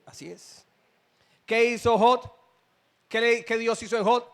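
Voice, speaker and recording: High-voiced man preaching a sermon. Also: steady tone, measured pace, fairly bright tone, smooth. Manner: preaching with rising emphatic bursts and asides to the congregation. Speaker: pastor. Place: church.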